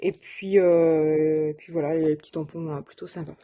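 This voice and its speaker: A woman's voice: low-pitched, level tone, moderate pace, mellow. A woman presenting her shopping haul of craft supplies in a casual, hesitant way, with many fillers and self-corrections. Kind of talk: casual show-and-tell.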